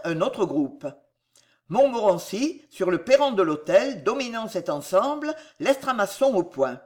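Audiobook narrator: slow, dramatic, very expressive delivery. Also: mid-range voice. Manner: slow, lively dramatic reading. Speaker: audiobook reader.

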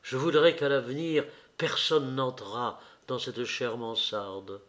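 A male reader voicing a young woman in love, tender and rapturous, in a slowly read audiobook. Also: medium pitch, fairly even intonation, a bit bright. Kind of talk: audiobook character reading.

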